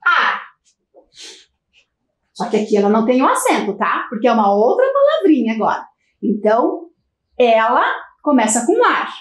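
A woman teacher with a Brazilian Portuguese accent, giving a slow, encouraging lesson to young children. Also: a little high, very animated, reverberant. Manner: slow, sing-song, encouraging, talks straight to young children.

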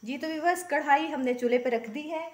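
A Pakistani woman with a high voice hosts a cooking channel, briskly walking through a recipe step by step. Her casual voice-over from a home kitchen is homely and chatty, sprinkled with blessings.

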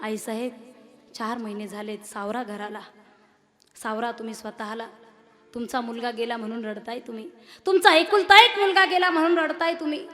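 A woman's voice: fairly high pitch, level tone, normal speed, bright, forceful tone, faint music behind. A woman voicing a pushy television reporter who keeps coaxing a grieving family. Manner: coaxing, repetitive. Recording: long hall reverb.

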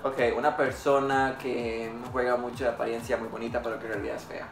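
A man's voice: medium pitch, level tone, reverberant, music in the background. A young man from Costa Rica with a Costa Rican accent, chatting casually in a teasing, playful way while playing a phrase-guessing game. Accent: Costa Rican Spanish. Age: young adult. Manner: playful, teasing, quick to laugh. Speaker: game contestant. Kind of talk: casual chat. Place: indoor living room, seated on a couch.

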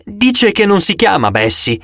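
A man's voice: sits high, sing-song, unhurried, creaky, a bit bright, no room sound, studio quality, pitched above the performer's own voice, heavily acted. A man doing a fussy young satyr. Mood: earnest.

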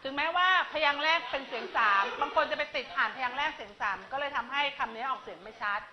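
A woman teacher with a somewhat high voice runs a brisk classroom drill, firing short questions at her students. The recording sounds dull and lo-fi, with a room full of pupils chattering clearly behind her. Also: a crowd in the background. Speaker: Chinese language teacher.

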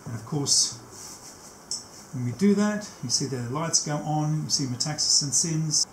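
An older man, a technician, demonstrates how to set up a tape machine in a small, cluttered indoor workshop. His expressive voice sits on the high side as he explains each step in an unscripted, hands-on walk-through, often pausing mid-task. The room is echoey, with faint background noise.

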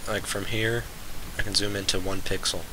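A man's voice: fairly low pitch, flat delivery, moderate pace. A man gaming over voice chat in a laid-back, teasing way. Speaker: gamer. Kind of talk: casual voice-chat banter. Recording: clear background noise.

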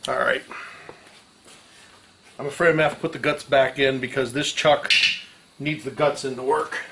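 A middle-aged man with a medium-pitched voice and some vocal fry talks at a moderate pace with fairly even intonation, hosting a hands-on tutorial. Working in his open-doored garage a few feet from the camera, he uses folksy, salty slang over clanking metal tools.

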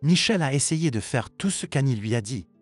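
Steady male story narrator. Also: mid-range voice, normal speed. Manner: even, steady reading. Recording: dry with faint music behind.

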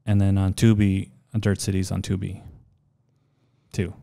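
Male guest from El Paso, Texas, low-ish and gravelly, relaxed storyteller who rambles. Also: moderate pace. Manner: relaxed, rambling with many likes. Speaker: guest, skateboarder and filmmaker. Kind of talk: casual interview chat.

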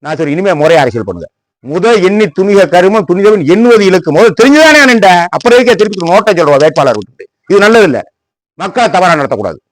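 A man's voice: high voice, sing-song, quick pace. A man from Tamil Nadu with a Tamil Nadu Tamil accent, delivering a heated political commentary monologue. He scolds sarcastically and fires off rhetorical questions.

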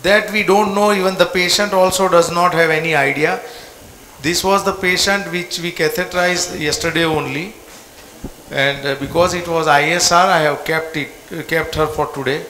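High, bright Indian man's voice, echoey room. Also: fairly even intonation, moderate pace. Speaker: operating cardiologist. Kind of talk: live medical procedure commentary. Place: hospital cath lab. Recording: echoey room with clear background noise and clicks.

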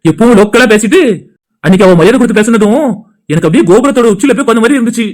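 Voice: mid-range voice, expressive, rapid-fire, darkish tone. A performer voicing young male friends bantering in a cartoon, casual and teasing, with a Tirunelveli Tamil accent. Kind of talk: cartoon voice acting.

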